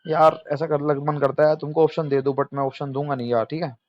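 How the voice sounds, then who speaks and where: A man's voice: fairly high pitch, little pitch movement, a little fast, no echo, lo-fi sound. Chatty young male exam tutor. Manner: chatty, addresses students as friends, asks and answers himself. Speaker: exam coaching teacher. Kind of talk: casual lecture.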